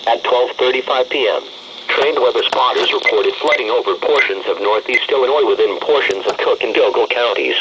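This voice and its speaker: On a noisy, muffled weather radio broadcast, a man's synthetic voice reads a scripted weather warning bulletin. He sounds formal and impersonal, speaking briskly at medium pitch.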